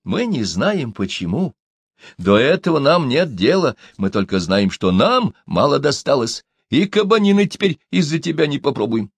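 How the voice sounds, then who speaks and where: A man's voice: medium pitch, big pitch swings, moderate pace, vocal fry, breathy edge, dry recording, voice pushed up, exaggerated voice. A man voicing a spiteful little old man who drawls his words and waves off arguments. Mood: grumbling. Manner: drawling, dismissive.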